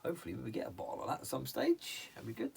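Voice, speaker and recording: Male co-host, gravelly and matey, teasing banter over drinks, noisy background. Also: mid-range voice, huge pitch swings, very fast, a little mellow. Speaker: podcast co-host. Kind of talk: casual boozy banter. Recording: clear background noise.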